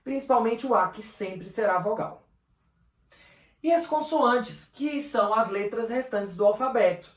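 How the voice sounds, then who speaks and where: A woman's voice: on the high side, measured pace, echoey room. A woman with a Brazilian Portuguese accent teaching a grammar lesson at a board, explaining step by step and often checking that students follow. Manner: explanatory, checks in with frequent "beleza?" and "tranquilo?".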